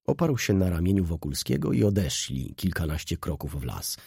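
A man narrating a classic novel in an expressive, theatrical reading. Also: sits low, moderate pace, vocal fry, husky, dry recording, clean studio sound. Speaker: audiobook narrator.

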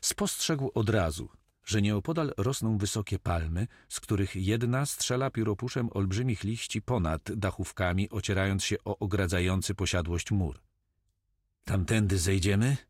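A man narrating an adventure audiobook in a measured, storytelling way. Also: fairly low pitch, slightly rough, no echo, clean studio sound. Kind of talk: scripted narration.

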